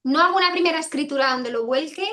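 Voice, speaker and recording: A woman author with a high, fairly bright voice talks at a quick pace, with a little hiss or hum in the audio. Answering interview questions over a video call, she rambles casually, corrects herself and often repeats phrases.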